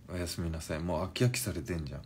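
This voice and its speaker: A man in his forties chatting on a live stream and reading viewer comments, in a languid, drowsy-sounding, unhurried way. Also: sits low, darkish tone, slight background noise. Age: 40s.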